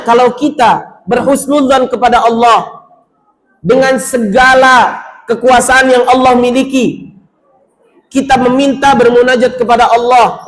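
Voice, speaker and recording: High-voiced preacher exhorting pilgrims. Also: male voice. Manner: exhorting, acts out doubting worshippers, chants Arabic. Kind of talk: sermon to pilgrims. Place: mosque.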